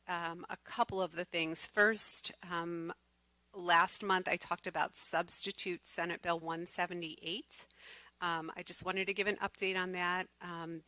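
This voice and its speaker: Woman running a board meeting, talks fast w lots of ums, lowish bright voice, dry sound. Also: dry recording, poor audio. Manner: fast-talking with many ums. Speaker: board president.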